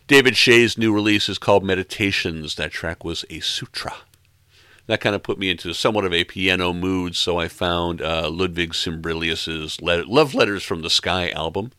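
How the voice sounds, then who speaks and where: A middle-aged man hosting a music podcast, casually back-announcing tracks in a relaxed, wry, self-deprecating way. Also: sits low, no echo, studio quality. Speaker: podcast host.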